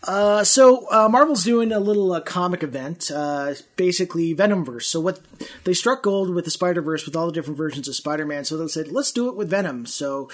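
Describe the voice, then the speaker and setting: Canadian guy hosting a podcast, kinda high voice, lots of uh and like. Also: brisk. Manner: relaxed, chatty, many fillers. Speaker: podcast host. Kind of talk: casual chat.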